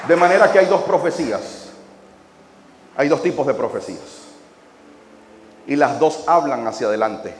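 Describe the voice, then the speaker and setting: A man preaching a sermon, leading the congregation to repeat his words and swinging from quiet drawn-out phrases to shouted emphasis. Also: fairly high pitch, animated, a little hiss or hum. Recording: echoey hall.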